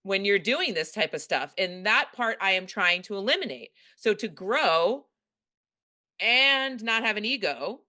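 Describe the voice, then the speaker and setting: A woman's voice: mid-range voice, lively intonation, unhurried, sharp tone. A middle-aged woman with a New York accent, hosting a podcast and talking frankly and bluntly. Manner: frank, blunt, swears casually. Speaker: podcast host. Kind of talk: casual conversation.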